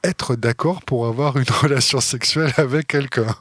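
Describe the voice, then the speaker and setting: A man co-hosting a podcast, reading scripted narration and bantering in a measured, explanatory way with dry humor. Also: mid-range voice, fairly bright tone, a little hiss or hum. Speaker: podcast co-host.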